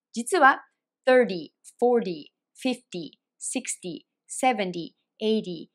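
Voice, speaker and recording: A woman with a slightly high voice leads an online pronunciation lesson. She explains each point carefully and clearly. She demonstrates phrases slowly and repeats them. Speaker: English pronunciation teacher.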